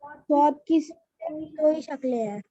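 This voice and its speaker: A woman with a high, bright-toned voice walks children through the alphabet, saying each letter again and again. The sound is dry and dull, like a low-fi home recording. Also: takes it slowly, no echo. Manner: patient, repeats each letter name. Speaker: teacher.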